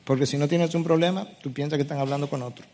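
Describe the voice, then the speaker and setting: Middle-aged man, pastor, forceful sermon delivery, slightly high voice, long hall echo. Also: steady tone, fast talker, slight background noise. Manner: emphatic preaching, reads and restates scripture verses.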